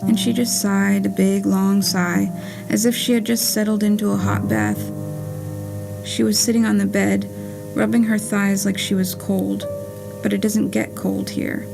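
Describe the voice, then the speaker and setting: With a medium-pitched, creaky voice and measured pace, a woman delivers the scripted, letter-like monologue from her own puppet play. The telling is wry and plainspoken, set in a live theatre performance accompanied by music.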